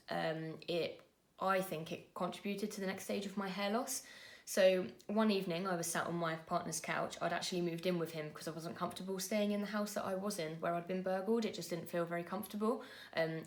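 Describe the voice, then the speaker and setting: A woman, telling a personal story to camera in an earnest, conversational way with frequent pauses and fillers. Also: lowish voice. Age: 20s. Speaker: vlogger.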